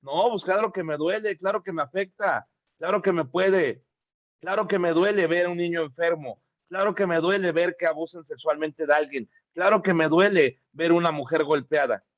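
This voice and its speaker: A middle-aged man preaches with emphatic repetition and rhetorical questions, his voice sitting fairly high. The sound is dry and dull, like a lo-fi recording. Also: moderate pace, no room sound. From Mexico. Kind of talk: sermon.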